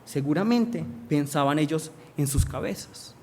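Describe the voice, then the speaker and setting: Guy preaching, fairly high voice, keeps asking the crowd questions then answering. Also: unhurried, warm tone, a little hiss or hum. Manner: asks the congregation questions and answers them himself. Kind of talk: sermon.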